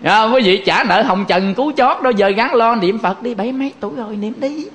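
A man with a Southern Vietnamese accent giving a Buddhist dharma talk in a folksy, animated way, acting out little quoted exchanges. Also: sits high, brisk. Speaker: Buddhist monk teaching.

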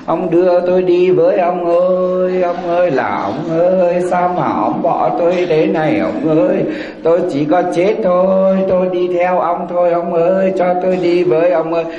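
A man's voice: high-pitched, fairly even intonation, moderate pace, dull audio, pitched above the performer's own voice, close to an everyday voice. A man voicing a melodramatic old widow wailing at her husband's coffin. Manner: melodramatic sobbing wail, then panicked backpedaling. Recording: echoey hall.

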